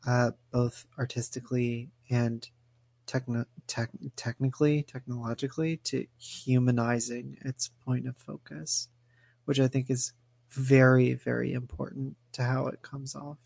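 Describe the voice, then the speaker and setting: Flat gravelly man, halting chat. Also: medium pitch, no room sound. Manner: halting, searches for words. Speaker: podcast co-host. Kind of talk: casual chat.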